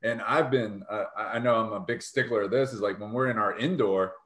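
A man co-hosting a podcast conversation about coaching, speaking in a relaxed, slightly hesitant way. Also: fairly low pitch, a little fast, reverberant.

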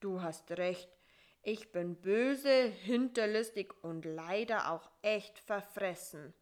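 A woman voicing a greedy, sulky male spider in a read-aloud children's story, speaking in a whiny, grumbling, drawn-out way. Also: mid-range voice, close to an everyday voice. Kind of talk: storybook reading.

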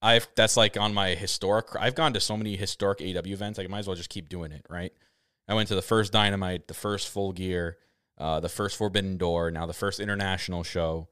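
Young man, podcast co-host, casual storytelling, excitable, lowish voice, dry sound. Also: a little fast, clean tone, dry recording. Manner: excitable storytelling with laughs and restarts. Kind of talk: casual chat.

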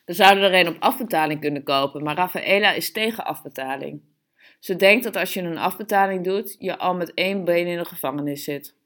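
A woman's voice: fairly low pitch, fairly quick, a bit bright, close to an everyday voice. A woman reading the part of a blunt, cheeky teenage boy, in a sneering tone. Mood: matter-of-fact.

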